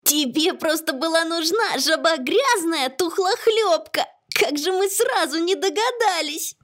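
A storybook reader voicing a group of excited little ogre kids with shrill, squealing exclamations. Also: a little slow, exaggerated voice. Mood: gleeful. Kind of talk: storybook reading.

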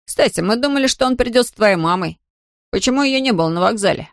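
A friendly, brisk boy leading his friends, voiced by a woman reading a storybook. He sounds slightly raised and lively, recorded close and dry. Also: a little high, no room sound. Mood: coaxing.

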